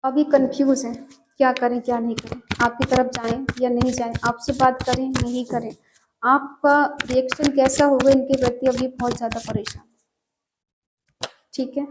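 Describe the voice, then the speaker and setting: A woman with a high voice gives a collective tarot love reading. She talks earnestly and repeats herself, often checking in with the listener as she goes. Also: flat delivery, moderate pace, background noise. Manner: earnest, repetitive, often asks "ठीक है". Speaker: tarot reader.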